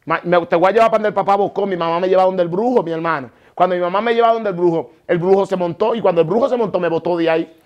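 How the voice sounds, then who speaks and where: Fast, excitable man testifying. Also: sits high, highs cut off. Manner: animated storyteller, frequent restarts and repeated words. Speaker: interview guest giving a conversion testimony. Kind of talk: emotional testimony.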